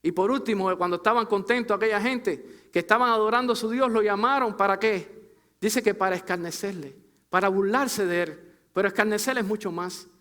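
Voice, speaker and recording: A male pastor delivers a sermon in a fairly high voice. He speaks straight to his congregation as brother and sister. His phrases build with emphasis, then sink low and quiet as each thought closes. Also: a little fast. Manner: preaching with rising emphasis and drops to a low, soft close on phrases.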